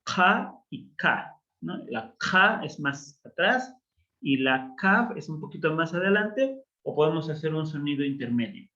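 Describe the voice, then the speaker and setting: Man teacher with a slightly high, bright voice, patient and unhurried, on a muffled online class recording. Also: animated. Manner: slow, patient explaining with frequent fillers. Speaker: Biblical Hebrew teacher.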